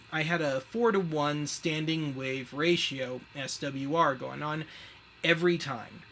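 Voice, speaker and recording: With a bright voice on the high side, an American man casually explains a gadget during a demo on his retro media web show. He's wry, slangy, and quick to poke fun at himself, over clear background noise.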